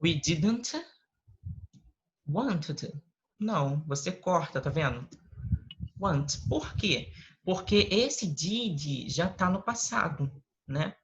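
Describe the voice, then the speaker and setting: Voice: mid-range voice, animated, slow, pauses often. A Brazilian English teacher with a Brazilian Portuguese accent, patiently explaining step by step in an online lesson over a video call. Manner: patient, explains step by step, often adds tag questions. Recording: lo-fi call audio with faint noise.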